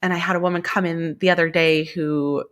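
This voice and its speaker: Enthusiastic woman guest, lower voice. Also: steady tone, brisk, a bit bright. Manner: enthusiastic, rambling, frequent fillers and laughs. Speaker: guest, secondhand clothing reseller. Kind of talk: casual interview chat.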